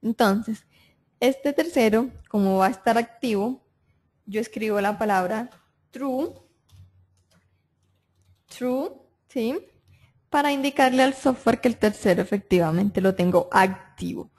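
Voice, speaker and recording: A woman talks through a software tutorial one step at a time. Her voice sits at a mid pitch, and she often pauses to confirm that the listener is following. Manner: step-by-step explaining, frequent "entonces" and "listo", checks with "¿sí?". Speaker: software trainer. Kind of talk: screen-recorded software tutorial.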